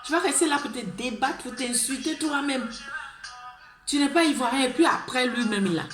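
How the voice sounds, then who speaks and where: A woman's voice: high-pitched, normal speed, roomy sound, music in the background. A woman with an Ivorian French accent gives an impassioned monologue, pleading, repeating herself and restarting words. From Ivory Coast. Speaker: video blogger.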